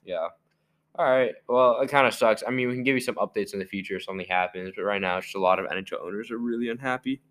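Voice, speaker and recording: A man's voice: fairly low pitch, quick pace, a bit bright. A young man co-hosting a casual sports podcast, talking loosely with many fillers and a mocking edge. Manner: rambling, filler-heavy, mocking. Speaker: podcast co-host. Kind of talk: casual chat.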